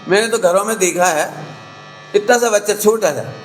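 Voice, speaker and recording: High-voiced man preaching in an echoey hall. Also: moderate pace. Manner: conversational, acts out scolding parents with sharp rising voice. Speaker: Jain preacher. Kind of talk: sermon. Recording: echoey hall, faint hum.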